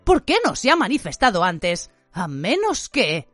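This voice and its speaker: A woman doing a weary male teacher, slow and hushed, every word measured and gentle. Her voice stays close and dry, with faint music behind it. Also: mid-range voice, very animated, dry recording. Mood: tense. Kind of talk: audiobook character reading.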